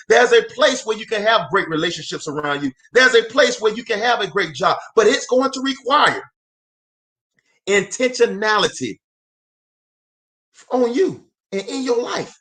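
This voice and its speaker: A man's voice: high-pitched, expressive, moderate pace, sharp tone. A man in his forties giving a fervent live motivational talk in a preacher-like cadence, repeating phrases for emphasis and calling out to viewers. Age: 40s. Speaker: motivational speaker and host.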